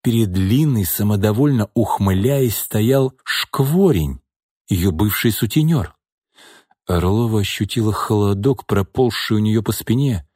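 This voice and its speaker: A man narrating an audiobook in a measured, even reading voice. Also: on the low side, husky, no room sound, clean studio sound. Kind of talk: scripted narration.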